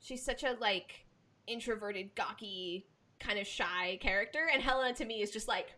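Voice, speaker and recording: A theatre director talks casually at a moderate pace in a discussion, sounding emphatic and expressive as she repeats words for stress. Clear background noise with a low rumble runs through the recording.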